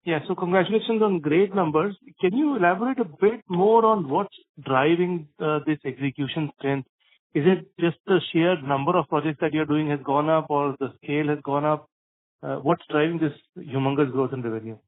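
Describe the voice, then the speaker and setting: Man, over the phone, tinny call audio, fairly high voice, polite analyst questions. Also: moderate pace. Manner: polite, asks follow-up questions with filler words. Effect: heard over a phone line. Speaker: financial analyst on an earnings call. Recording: narrowband telephone line.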